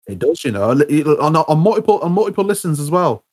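A man's voice: a little high, very animated, fast, slightly rough. A young man in a casual chat about music, who stumbles over and repeats his words with lots of fillers.

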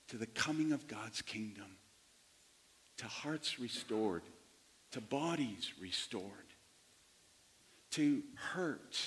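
A man preaching as a pastor to his congregation, in deliberate phrases broken by pauses. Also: medium pitch. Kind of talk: sermon, addressing congregation. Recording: long hall reverberation.

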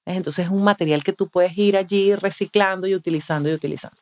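A Venezuelan woman speaks as a communication mentor on a podcast. Her voice sits a little low, and she talks expressively, acting out quoted voices. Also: quick pace. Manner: expressive, acts out quoted voices, frequent "¿ves?". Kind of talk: animated interview talk. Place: podcast studio.

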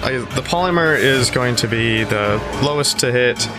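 A man with a mid-range, expressive voice talks at a normal pace while playing a tabletop role-playing game. He casually narrates his moves and actions as music plays behind him.

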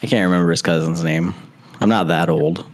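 Low-voiced dude rambling on a podcast call, swears a lot. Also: male voice, steady tone, fairly quick. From Arizona. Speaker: podcast co-host. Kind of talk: casual chat. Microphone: video call.

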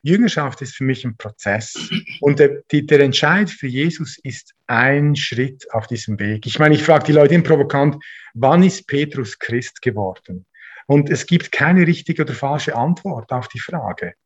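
A man's voice: fairly high pitch, normal speed, hardly any pauses, slightly rough, lo-fi sound. A man, a pastor talking earnestly in an interview, often restarting and repeating words. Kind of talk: interview, casual conversation.

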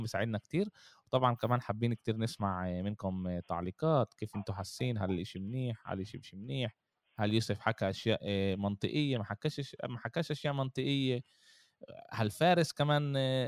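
A man with a Palestinian Arabic accent hosting a casual sports podcast, often pausing on fillers between short phrases. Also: lowish voice, clean tone, dry recording, studio quality. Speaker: podcast host.

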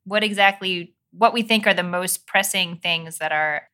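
A woman co-hosting a podcast, reading a scripted intro and then chatting playfully, quick to laugh. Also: on the low side, bright, forceful tone. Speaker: podcast co-host.

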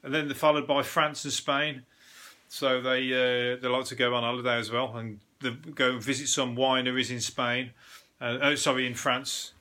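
Bright-voiced rambling man podcasting. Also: mid-range voice, level tone, normal speed. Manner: rambling, self-deprecating, swears casually. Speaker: podcast host. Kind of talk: casual solo podcast chat. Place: at home.

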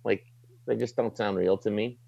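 A man's voice: on the low side, fairly even intonation, normal speed, vocal fry, warm tone, dry recording, dull audio. A middle-aged man with a light Maritime Canadian accent, chatting casually and informally in an interview as a sports broadcaster, plain-spoken and slangy. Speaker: sports broadcaster, desk anchor.

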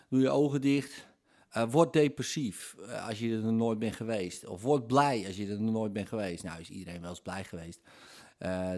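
A man's voice: mid-range voice, darkish tone. Conversational man explaining step by step. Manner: conversational, works through everyday examples, frequent tag questions. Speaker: speaker explaining hypnosis. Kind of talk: explanatory monologue.

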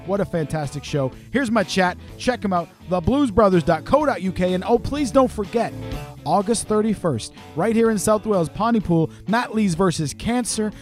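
A man's voice: high voice, a little mellow. A man hosting a podcast, talking casually and with gushing enthusiasm. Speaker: podcast host and musician.

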